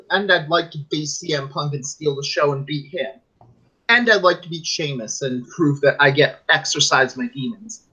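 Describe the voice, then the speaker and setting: A man with a fairly high, pushed, bright voice and a breathy edge co-hosts a casual wrestling podcast. He rambles and argues his case, mimicking fans in quotes. The audio is dull and lo-fi.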